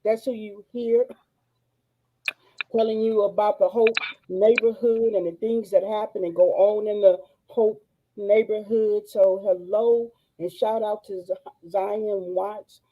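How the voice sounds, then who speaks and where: A woman, hosting a faith-based live show and giving excited, gushing shout-outs to viewers. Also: medium pitch, unhurried, phone-quality sound, slight background noise. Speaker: host. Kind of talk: excited live-stream chat.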